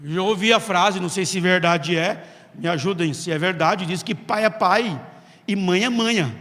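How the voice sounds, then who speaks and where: A man delivers a sermon in a very high voice, telling a story with dramatic pauses and acting out the lines of each character. His voice carries a long reverb from a large hall. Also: fairly bright tone. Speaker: preacher.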